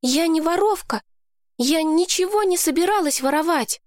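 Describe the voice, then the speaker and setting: Tearful young girl, voiced by a woman, high pleading voice, dry close sound. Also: lively intonation, moderate pace, no room sound.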